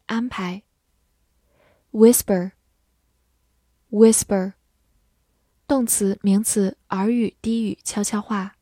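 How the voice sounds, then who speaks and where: Slow, dry-voiced woman teaching vocabulary. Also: medium pitch, warm tone, dry recording. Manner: slow, deliberate word-by-word drilling. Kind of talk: scripted vocabulary lesson.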